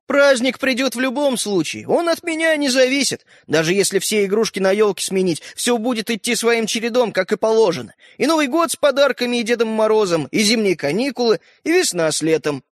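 A man voicing a tiny, boastful and sly living toy boy in a storybook, cheeky and excitable. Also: sits high, a little fast, hardly any pauses, dry recording, clean studio sound, voice pushed up.

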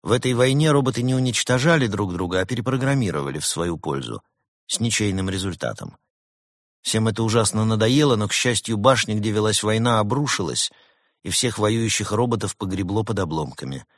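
A man voicing a sly, ironic male fox who talks in a dry, unhurried, sardonic way. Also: on the low side, lively intonation, dry recording. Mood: calm. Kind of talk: audiobook reading.

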